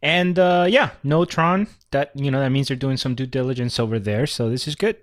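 A man's voice: medium pitch, a little fast. A man co-hosting a podcast in casual chat, with dry, sarcastic humor. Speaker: podcast co-host.

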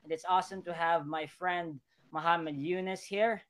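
Guy hosting a live podcast, casual chat, voice a bit on the high side. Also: fairly even intonation, normal speed. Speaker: podcast host.

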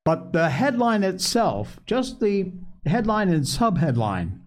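A man hosting an opinionated news commentary show, speaking emphatically with dramatic pauses straight to his listeners. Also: high-pitched, big pitch swings. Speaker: show host.

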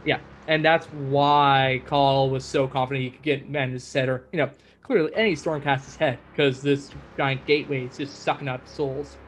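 A man's voice: mid-range voice, steady tone, moderate pace, a little hiss or hum. Chatty man recapping a story. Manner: chatty, lots of fillers. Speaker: podcast host. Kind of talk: casual book recap.

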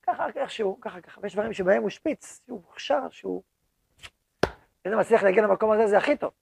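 A man's voice: sits high, gravelly, a little mellow, husky. A man, the head rabbi of a yeshiva, giving a lecture to his students and repeating words for emphasis.

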